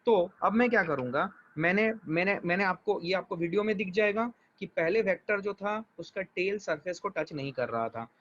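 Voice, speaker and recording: A man teaching physics in a live class, mixing Hindi and English, patient and reassuring, walking through each step slowly and often checking that students follow. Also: high-pitched, expressive, fairly bright tone, a little hiss or hum. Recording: dull lo-fi audio.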